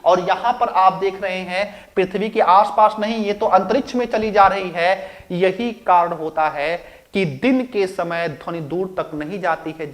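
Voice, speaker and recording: A male physics teacher with a high-pitched voice gives a recorded lecture, posing rhetorical questions, answering them himself, and repeating key phrases.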